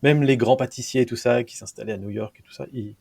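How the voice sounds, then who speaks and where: A man's voice: medium pitch, fairly even intonation, quick pace, creaky, darkish tone. A man hosting a podcast, interviewing his guest casually, thinking aloud with frequent fillers. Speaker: podcast host.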